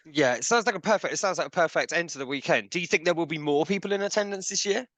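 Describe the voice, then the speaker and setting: A man's voice: fairly high pitch, quick pace, fairly bright tone, no room sound. A man asking questions casually as an interviewer.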